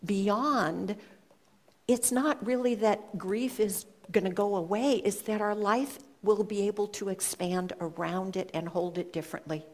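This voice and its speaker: A woman giving a reflective storytelling talk to an audience, speaking in an earnest, measured way with pauses. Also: mid-range voice. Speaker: speaker sharing a personal story.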